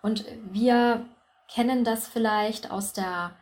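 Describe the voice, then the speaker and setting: Woman, pronunciation coach guesting on a podcast, clear and methodical, teacherly explanations. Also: on the high side, fairly even intonation, takes it slowly, darkish tone. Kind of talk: explanatory interview answers.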